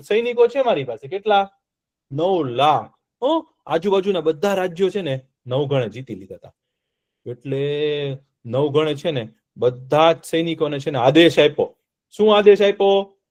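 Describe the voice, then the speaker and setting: Male storyteller, high voice, keeps the kids involved with questions. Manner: lively, asks the children questions as he tells. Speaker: storyteller for children. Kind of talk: telling a folk tale to children in an online class.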